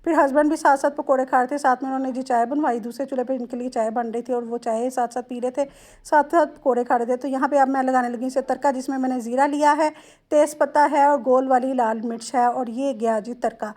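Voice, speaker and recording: A woman from Lahore in her thirties narrates her day of cooking in a chatty, homely way, with a Lahori accent. Her voice sits high, and she speaks straight to her viewers. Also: steady tone, quick pace, darkish tone. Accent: Lahori Punjabi-tinged Urdu. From Lahore, Pakistan. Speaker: home cooking vlogger. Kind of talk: casual cooking voice-over.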